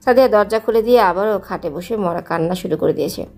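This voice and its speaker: Young woman narrator, mellow timbre, steady story reading. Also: medium pitch, fast, soft background music.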